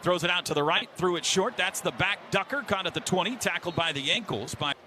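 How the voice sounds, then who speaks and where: This man's high-pitched voice is pushed and bright, moving a little fast as he gives football play-by-play with an American accent. He calls the action in clipped short phrases from a stadium broadcast booth, and the live radio feed has faint noise.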